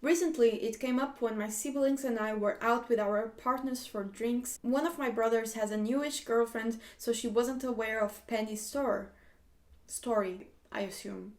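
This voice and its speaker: On a laid-back reaction video, a woman reads posts out loud and chats, saying "like" a lot and laughing often. Her voice is slightly high and slightly mellow, and she talks at a normal speed.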